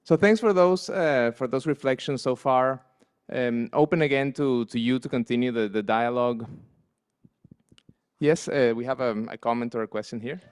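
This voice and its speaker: A man moderating a conference panel, soft-spoken and hesitant, with many fillers. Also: medium pitch, normal speed, smooth.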